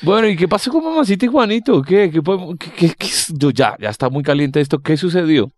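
A man co-hosts a podcast with a lively, swinging pitch, teasing his partner and pressing for more of the story. His voice is slightly high and sounds dry and close. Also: quick pace. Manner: teasing, eager, prods for the story. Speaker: podcast co-host. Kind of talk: casual teasing banter.

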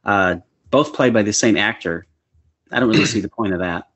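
A man's voice: fairly low pitch, fairly quick, fairly bright tone, husky. A man co-hosting a casual podcast, upbeat and chuckling as he talks. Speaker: podcast co-host. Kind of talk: casual chat about comic book films.

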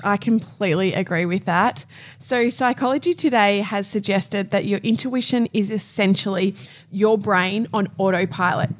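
A young adult woman speaking as a podcast host, moving between scripted presenting and casual chat. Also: mid-range voice.

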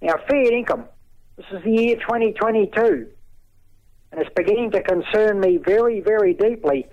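Aussie tradie type bloke, broad accent, highish voice, slangy and earnest rant, muffled radio phone-in sound. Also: male voice, moderate pace. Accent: broad Australian. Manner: blokey aussie tradesman manner, thick with folksy slang; earnest, plain-spoken, emphatic. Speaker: radio talkback caller. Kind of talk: unscripted talkback opinion. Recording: dull, lo-fi phone-in over radio.

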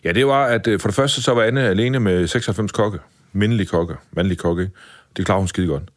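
Chef guest, man, 50s: low, dry, close voice; blunt, lively anecdotes. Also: no room sound. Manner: lively, blunt, mild swearing. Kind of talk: casual storytelling in a podcast interview.

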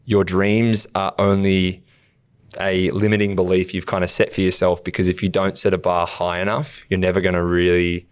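Australian man, podcast co-host, deep, smooth voice, earnest motivational chat, dry close mic. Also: little pitch movement, moderate pace, no room sound. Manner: earnest, acts out quotes of himself.

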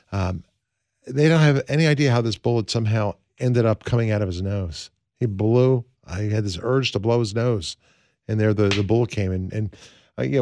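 A man hosting a radio show in a studio, talking in a smooth, earnest, conversational way with many fillers as he leads prayer. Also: lowish voice, no room sound. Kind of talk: smooth radio host talk, leading prayer.

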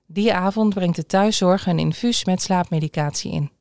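A woman reading a news feature aloud in a calm, measured scripted narration. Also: lowish voice, dry recording. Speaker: newsreader.

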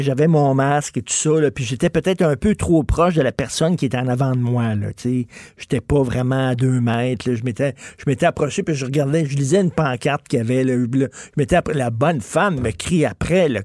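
A man's voice: mid-range voice, a little fast, a little mellow, dry recording, clean studio sound. A man with a Quebec French accent hosting a radio show, chatty and emphatic with lots of fillers. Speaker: radio host. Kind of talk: casual radio talk.

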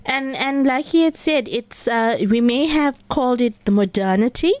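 A woman's voice: high voice, moderate pace, a little mellow, clear, resonant tone. A woman with a Durban Indian South African accent, co-hosting a casual radio talk show in a chatty, conversational style. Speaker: radio co-host.

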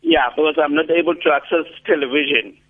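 A man from the Free State calling in to a radio show, heard over a clipped telephone line and talking haltingly as he searches for words. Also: fairly high pitch. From Free State, South Africa. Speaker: radio caller. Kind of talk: call-in radio comment. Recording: tinny lo-fi phone line.

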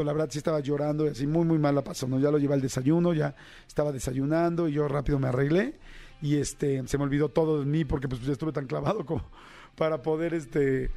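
A man's voice: on the high side, gravelly, mellow. A man, a radio host telling a personal story in a chatty way with many fillers. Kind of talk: casual storytelling monologue.

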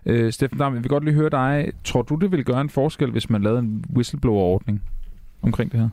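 Gravelly male radio host. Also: medium pitch, mellow, no echo, studio quality. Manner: halting questions with fillers. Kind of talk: radio talk show hosting.

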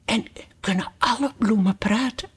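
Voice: medium pitch, animated, a little slow, slightly rough. A storyteller voicing a shy, polite and curious young girl who asks questions hesitantly. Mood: timid.

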